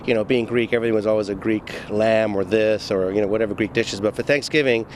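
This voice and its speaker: A man's voice: on the low side, fairly even intonation, fast talker, slight background noise. A man from Zimbabwe, an executive chef, giving a chatty, stop-start cooking demo full of fillers on an outdoor patio for morning news.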